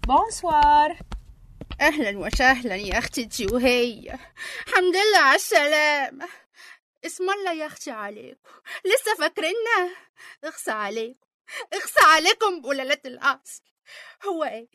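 A theatrical Egyptian grandmother scolding her children, played by a woman. Her voice is high and quick, with loud outbursts. The recording is dry and close. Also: big pitch swings, no echo, heavily acted. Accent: Egyptian Arabic.

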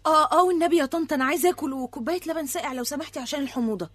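A prim, anxious pregnant schoolteacher, played by a woman, fussy and flustered, rattling on in Egyptian speech. Her voice is high and very fast, in a dry recording. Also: dry recording, natural voice.

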